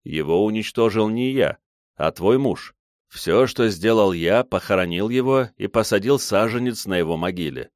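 A man voicing a young clan head who speaks in a flat, indifferent, commanding tone. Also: lowish voice, moderate pace, dry recording, studio quality, lightly acted. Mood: cold. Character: cold young male clan head, calm, steely.

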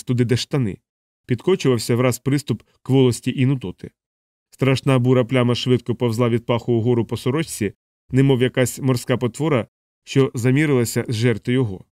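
A man reads a novel aloud in an even, measured way, with a middle-pitched voice. The recording is close and dry, with no room echo. His narration stays steady between the characters' lines. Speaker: audiobook narrator. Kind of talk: scripted narration.

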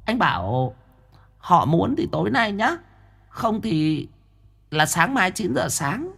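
A man voicing a greedy, cheeky young woman spirit medium who whispers in a high, teasing voice. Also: very animated, takes it slowly, creaky, a bit bright, slightly rough, heavily acted. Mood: whispering, scheming.

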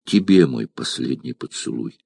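Doomed rebel leader saying goodbye, solemn and heartfelt, deep low voice, a man reading it out in an audiobook. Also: lively intonation, normal speed, creaky, mellow, breathy edge, no room sound, clean studio sound, heavily acted. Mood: solemn farewell. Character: doomed rebel leader writing a farewell letter.

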